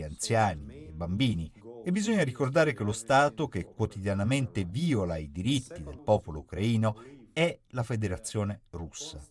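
A man reading an Italian voice-over for an interviewee, measured and earnest. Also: fairly low pitch.

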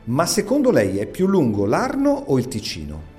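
A man's voice: mid-range voice, huge pitch swings, moderate pace, a little mellow. Radio quiz host, man. Chatty, playful, swooping delivery over faint music. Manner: teasing, encouraging, chatty. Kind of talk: playful live quiz interview.

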